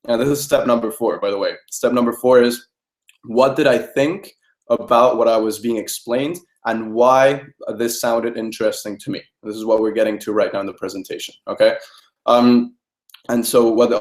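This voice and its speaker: Young male trainer, rapid persuasive delivery, leans on "okay?", roomy sound. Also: medium pitch, darkish tone. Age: young adult. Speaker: network marketing trainer. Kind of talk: training talk to a group. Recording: roomy echo.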